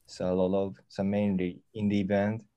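A man with a Japanese accent, a musician speaking halting English while searching for words in an interview. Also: low-pitched, monotone, mellow, clear, resonant tone, muffled recording. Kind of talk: casual interview answers.

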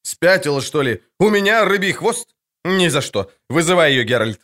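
A man's voice: on the high side, big pitch swings, normal speed, a bit bright, pitched above the performer's own voice. A man reading an audiobook, voicing a hot-tempered, haughty prince who barks orders. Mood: angry. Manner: barking, imperious. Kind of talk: audiobook character voice.

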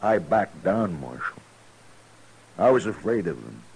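A scared old gunfighter, old radio show. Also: male voice, sits low, big pitch swings, unhurried, vocal fry, a little mellow, a little hiss or hum, heavily acted, poor audio. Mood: desperate. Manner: pleading, stammering. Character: aging gunfighter, frightened and desperate man. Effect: old radio show broadcast. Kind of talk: 1950s radio drama acting.

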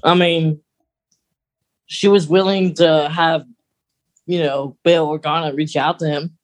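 As co-host of an informal fan-discussion podcast, a woman explains things conversationally in a deep voice with fairly even intonation and a slow pace. She hedges and qualifies her points, slipping in asides and extra details as she goes.

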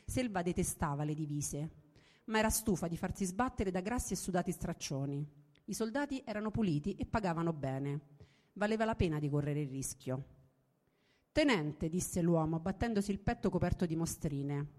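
A woman reading a science fiction story aloud in a measured, steady way, after introducing it. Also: lowish voice. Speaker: reader. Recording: reverberant room.

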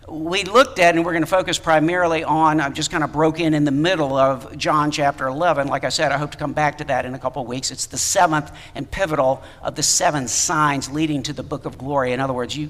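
Pastor, male, conversational sermon delivery, slightly higher voice, long hall reverb. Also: fairly bright tone. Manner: conversational, often asks the congregation "okay?" and "right?".

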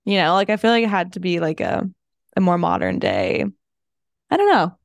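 A young woman with a low, creaky vocal-fry voice, chatting as a podcast co-host. She rambles along casually on a dry close mic. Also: very animated, moderate pace, dry recording. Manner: rambling, many "like" fillers. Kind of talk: casual chat.

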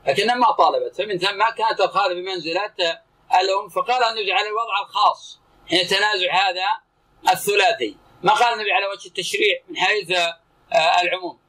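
A man's voice: high voice, pushed and bright, poor audio. A man teaching as a sheikh, commenting on texts and questioning a student in short, clipped phrases. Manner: terse, brisk, asks and answers in short clipped phrases.

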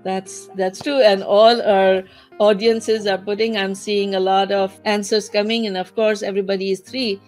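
A woman's voice: medium pitch, level tone, moderate pace, darkish tone, soft background music. Woman hosting a weekly online talk. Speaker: host.

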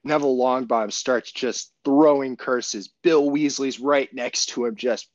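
A man's voice: mid-range voice, fairly even intonation, unhurried, dry recording, highs cut off. A man co-hosting a casual podcast, retelling a story in a profane, rambling way with many restarts. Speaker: podcast co-host.

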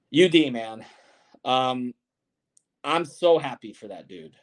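A man in his forties hosting a sports podcast. He reads viewer comments and speaks bluntly and emphatically, with some swearing. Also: medium pitch. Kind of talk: live-streamed sports podcast chat.

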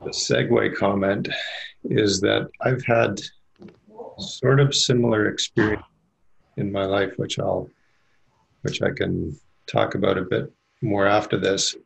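A man's voice: on the low side, level tone, takes it slowly, creaky, long pauses, slightly rough, rough recording. A middle-aged man speaking on a handheld mic at a meditation meetup, rambling and candid with many fillers. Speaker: meditation group member. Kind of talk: group discussion share. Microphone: handheld mic passed around.

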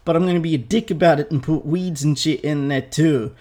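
A man's voice: fairly high pitch, brisk, mellow, natural voice. A man voicing God as a crude, irritable, bossy figure who swears bluntly in a casual tone. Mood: irritated.

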